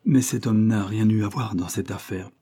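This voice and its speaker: A man's voice: on the low side, normal speed, mellow, breathy edge. A man voicing a passionate young woman in an audiobook, given to pleading, sobbing outbursts. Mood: guarded.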